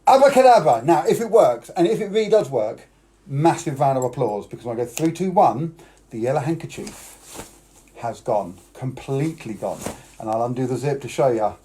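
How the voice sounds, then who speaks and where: A man's voice: mid-range voice, animated, normal speed, warm tone, slight background noise. A British man performing as a children's party magician on a live stream, talking boys and girls through tricks and coaxing them to join in. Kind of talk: live-streamed kids' magic show patter.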